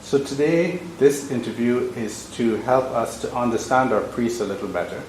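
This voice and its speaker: A man's voice: mid-range voice, moderate pace, slight background noise. A man interviewing a parish priest, asking plain, friendly questions. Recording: roomy echo with faint background ambience.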